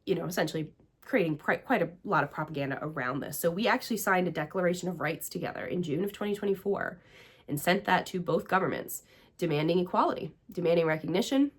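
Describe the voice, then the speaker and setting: A woman with an American accent, from Greece and the United States, hosts her own show as a podcast host and priestess, recapping her year in a chatty, gushing way packed with fillers. Her fairly low voice is breathy-edged and she talks fast.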